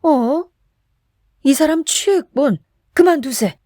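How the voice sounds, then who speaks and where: A woman's voice: sits high, animated, takes it slowly, dark tone, no echo, studio quality, voice pushed up. Woman doing a fretting drinking buddy. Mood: worried. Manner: warning, fussing. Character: cautious middle-aged man, worried drinking companion.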